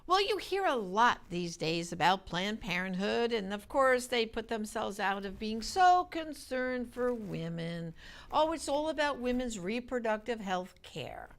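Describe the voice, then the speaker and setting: Woman, American accent, interview host, fairly high pitch, gravelly creak, conversational delivery. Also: very animated, a little slow.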